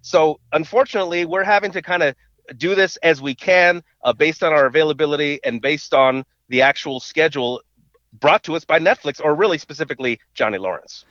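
A man's voice: a little high, brisk, fairly bright tone, no room sound. Man on a dull phone line, stammering. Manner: stammers and repeats words at starts. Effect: heard over a phone call. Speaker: podcast co-host. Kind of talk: casual podcast chat.

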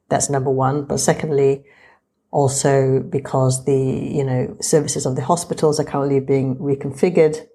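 A woman with a low-pitched voice narrates as a surgeon on a vlog. Her delivery is measured and orderly, with a fairly formal, explanatory style. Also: mellow, slightly rough. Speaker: breast surgeon and vlogger.

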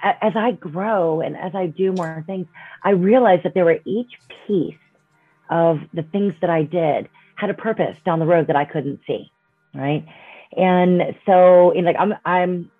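This casual interview captures a woman in her fifties, a coach and speaker, whose lowish, slightly rough voice moves a little slowly over a dry, tinny phone-like line with faint background music. She is chatty and upbeat, often tagging remarks with "right?" and "you know".

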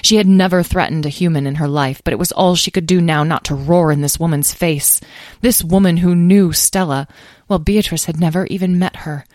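A woman narrating a children's story in a calm, measured way. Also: fairly low pitch, dry recording, studio quality.

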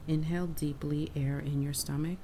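A woman's voice: sits low, steady tone, normal speed, mellow, a little hiss or hum. A woman leading a guided meditation, giving soothing breath-by-breath instructions over music. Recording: music bed under the voice.

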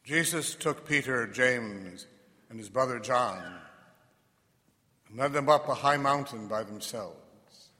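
A male priest reading the gospel and giving a measured, reflective homily, heard with a long church echo. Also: mid-range voice. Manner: measured and reflective, with soft trailing asides. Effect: long cathedral-like church echo. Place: large church. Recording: echoey church hall reverb.

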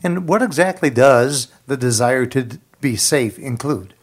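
A man's voice: medium pitch, expressive, unhurried. Easygoing male radio co-host. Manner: easygoing, asks short questions, some restarts. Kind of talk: casual radio talk.

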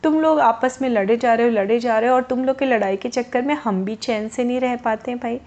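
A woman's voice: on the high side, fairly quick, darkish tone, dull audio, natural voice. A woman voicing a fed-up sparrow aunt in a children's storybook tale, scolding two quarrelling neighbours. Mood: exasperated. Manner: scolding, exasperated.

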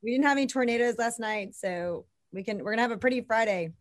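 A woman's voice: fairly high pitch, fast talker. Upbeat woman from the Atlanta area, friendly podcast co-host. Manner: upbeat, friendly, cheerful banter. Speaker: real estate podcast co-host. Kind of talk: casual live podcast chat.

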